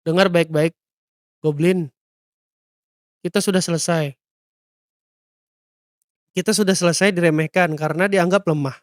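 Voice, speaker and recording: A man's voice: high-pitched, fairly even intonation, a little slow, clean tone, dry recording, studio quality. A man voicing a frustrated young male adventurer in a comic storybook recap, grumbling and then coldly resolved. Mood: grim.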